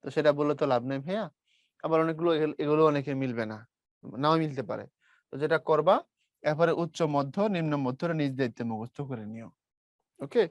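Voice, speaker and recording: Young male tutor from Bangladesh, light Brahmanbaria accent, fairly high voice, dry close sound, patient step-by-step lecturing. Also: fast, pauses often, no room sound, highs cut off. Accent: Bangladeshi Bengali, Brahmanbaria region. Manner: explains step by step, calls students brother, models sounds aloud. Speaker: teacher. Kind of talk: online class lecture.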